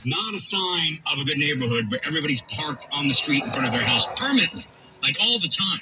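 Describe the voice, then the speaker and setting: A talk radio host with a slightly high voice speaks quickly and with lively intonation, delivering an opinionated, emphatic monologue and repeating phrases for effect. It's a radio broadcast with faint background noise.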